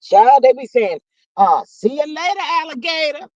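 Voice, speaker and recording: A performer plays an older mother on a livestream, stammering through fillers and calling everyone honey and child as she gossips over viewer comments in an improvised comedic bit. The voice sits high with big pitch swings, a moderate pace and a darkish tone. The recording is muffled, with no room sound.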